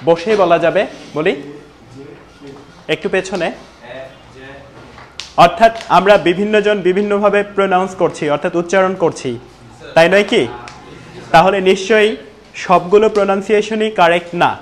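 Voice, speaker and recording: A man's voice: high voice, a little hiss or hum. A man teaching spoken to a classroom, asking questions and calling on students. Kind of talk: classroom teaching, mixing Bengali and English.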